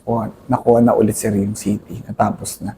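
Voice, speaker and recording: A man in his thirties, an army captain, earnestly recounting combat in a halting, deferential way, addressing his host as "sir" constantly. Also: fairly low pitch, little pitch movement, mellow, a little hiss or hum. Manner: deferential, says "sir" nearly every phrase; earnest, halting storytelling with many restarts. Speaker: army captain, interview guest. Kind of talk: conversational war recollection.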